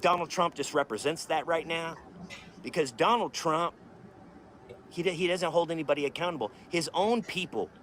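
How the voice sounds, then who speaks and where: A man's voice: on the high side, a bit bright, slight background noise. A man hosting a live stream, ranting to his chat in a heated, emphatic way with a lot of swearing. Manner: talks straight to chat viewers. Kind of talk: casual live stream rant.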